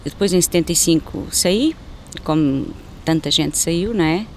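A woman in her fifties from Angola, talking reflectively in an interview and pausing on fillers. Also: deep voice, slight background noise. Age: 50s. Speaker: interviewee, newspaper editor.

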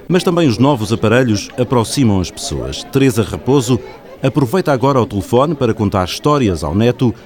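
A man with a European Portuguese accent narrates a radio documentary. His voice sits at an ordinary male pitch, and he delivers scripted lines as a storyteller would. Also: sing-song, fairly quick, a little mellow, soft background music, a faint crowd.

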